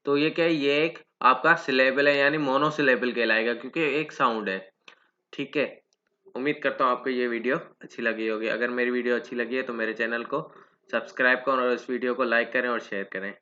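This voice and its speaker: A man gives a grammar lesson in a very bright, forceful tone. He spells out each definition slowly and then talks it through with rhetorical questions. The recording is muffled and lo-fi. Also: mid-range voice, fairly even intonation. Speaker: teacher.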